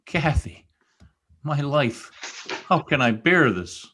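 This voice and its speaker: An actor playing Heathcliff, a brooding and bitter lover, in an old-time radio drama with an impassioned, theatrical delivery. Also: male voice, a little high, very animated, takes it slowly, fairly bright tone, slight background noise, exaggerated voice. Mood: anguished, pleading. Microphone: recorded remotely over video call.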